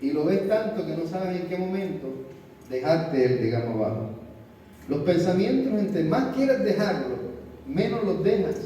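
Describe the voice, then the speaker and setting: A man's voice: fairly high pitch, mellow, a little hiss or hum. A man preaching a sermon, calling out to the congregation and prompting amens. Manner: call-and-response, prompting amens. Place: large hall. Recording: echoey hall from far off.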